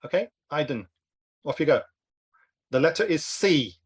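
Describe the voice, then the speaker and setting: A man hosting an online workshop over a video call, leading a quick word game in a brisk, encouraging way and pushing players to answer fast. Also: a little high, animated, slightly rough. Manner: brisk, encouraging, urges speed.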